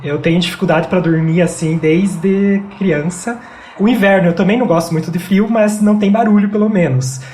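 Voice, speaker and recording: A man from Brazil, a teacher and podcast guest, speaking slowly and hesitantly, often trailing off. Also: high-pitched, fairly even intonation, a little mellow, echoey room, slight background noise. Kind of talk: casual conversation.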